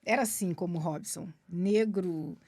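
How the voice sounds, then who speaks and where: A middle-aged woman with a Brazilian accent, a podcast guest who tells stories about her family in an animated way. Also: fairly low pitch, moderate pace, husky. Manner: animated storyteller, laughs often. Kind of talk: casual podcast conversation.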